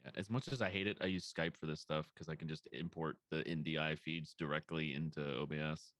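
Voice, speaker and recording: A man's voice: extremely low pitch, fairly even intonation, brisk, a bit bright, no room sound. A man playing a tabletop game on an online call, chatting casually and playfully. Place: online group video call.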